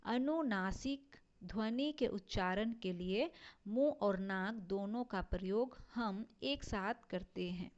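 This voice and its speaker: A woman teacher, slowly explaining a lesson and drawing out her example words. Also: medium pitch, a little mellow. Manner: slow, deliberate, stretches out example words. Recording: dull lo-fi recording.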